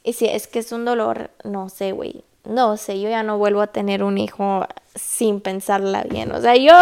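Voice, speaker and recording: A woman's voice: mid-range voice, little pitch movement, normal speed, creaky, few pauses, a little mellow, smooth. A young woman with a Mexican accent, telling a story in a blunt, profane, casual way and slipping English phrases into her Spanish. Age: young adult. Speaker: vlogger.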